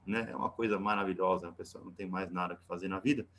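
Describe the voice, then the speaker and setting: A man's voice: sits low, steady tone, fast, a bit bright, a little hiss or hum. A man with a Brazilian accent teaching a live online class, chatty and joking, ending nearly every phrase with a questioning "né?". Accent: Brazilian Portuguese. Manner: joking, teasing asides. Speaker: physics teacher.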